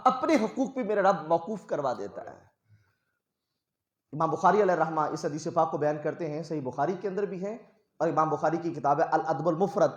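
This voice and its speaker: A man delivers a storytelling sermon, pressing hard on key phrases. His voice sits fairly high. The room around him rings with echo. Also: muffled recording. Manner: emphatic, swells loud on key phrases. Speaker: preacher. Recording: echoey room.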